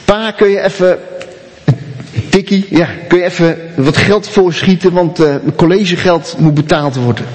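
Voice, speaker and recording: A man's voice: sits high, moderate pace, a little mellow, close to an everyday voice. A man voicing a young student daughter pleading with her father, in the echo of a church. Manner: pleading, calling out.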